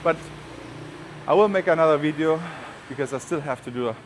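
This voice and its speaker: Fairly quick and on the high side, a man from Germany rambles casually with a German accent while vlogging on foot through the city. Informal asides pepper his talk, and street ambience and vehicles sound in the background.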